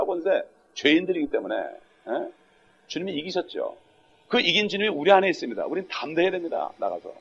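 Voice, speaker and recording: Husky, fast-preaching Korean pastor man. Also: a little high. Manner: emphatic, punctuates with rhetorical "eh?". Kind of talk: sermon. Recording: dull lo-fi sound.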